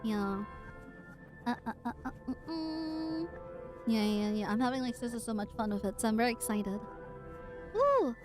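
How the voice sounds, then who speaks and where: A woman's voice: on the high side, normal speed, over music. A woman livestreamer with a cute, bubbly, exclamatory anime-streamer delivery, chatting casually and reading aloud to viewers. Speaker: livestreamer hosting a weekly read-along.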